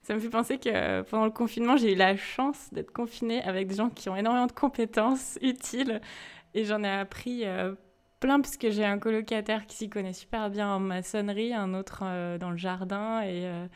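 A woman leads a casual podcast discussion. She talks in an informal, chatty way and laughs easily. Her voice sits at a medium pitch. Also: steady tone, moderate pace, clean tone.

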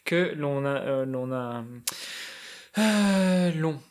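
Male interview guest, slightly high voice, casual and explanatory, thinking out loud. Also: expressive, very slow. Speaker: guest, endurance athlete preparing a challenge. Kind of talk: casual podcast interview talk.

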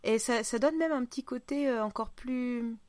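A woman's voice: a little high, moderate pace, darkish tone, no room sound. Chatty woman with a southern French accent. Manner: chatty, laughing, teasing. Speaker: podcast co-host. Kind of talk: casual chat.

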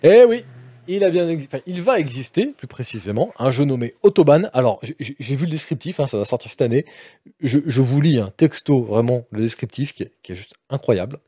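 A man's voice: medium pitch, animated, a little fast, mellow, husky. A man hosting a board-game quiz in a studio, playful and teasing with his guests. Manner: playful, teasing, theatrical asides. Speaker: quiz host. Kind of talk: casual panel chat, running a quiz.

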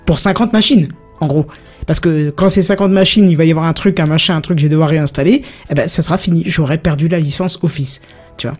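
Chatty guy ranting. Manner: rambling, animated storytelling with many fillers; puts on a high-pitched voice for a phone agent. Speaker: podcast co-host. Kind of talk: casual chat.

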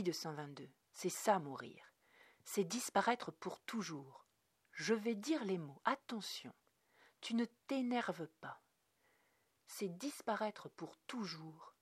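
A woman's voice: medium pitch, slightly rough, no echo. A woman voicing a grieving mother who coaxes and pleads with her small son in a read story. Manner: pleading, soothing, then urgent.

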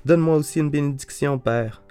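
A man's voice: fairly low pitch, fairly even intonation, moderate pace, a little mellow, faint music behind, lightly acted. A man reading the part of a cheated elder son, with raised, imploring appeals. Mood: bitter. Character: elder son Esau, bitter and pleading.

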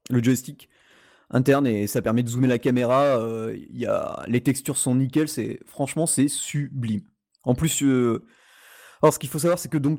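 A man's voice: medium pitch, a little mellow. Casual man rambling about a game. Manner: rambling, lots of hesitations and restarts. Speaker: podcast host reviewing a video game. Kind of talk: casual chat.

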